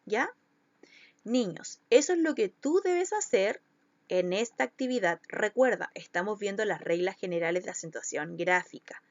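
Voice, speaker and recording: A woman's voice: mid-range voice, lively intonation, normal speed, no echo, muffled recording. A woman schoolteacher, giving a recorded lesson to children and patiently stretching out syllables to show where the stress falls.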